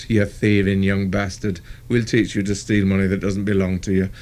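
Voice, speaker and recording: A man voicing a bullying middle-aged police detective, slow, hard and threatening. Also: low-pitched, little pitch movement, darkish tone, lightly acted. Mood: menacing.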